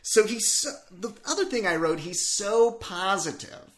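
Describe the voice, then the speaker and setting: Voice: medium pitch, expressive, a little slow. A podcast co-host in casual chat about a TV episode, enthusiastic and swearing casually.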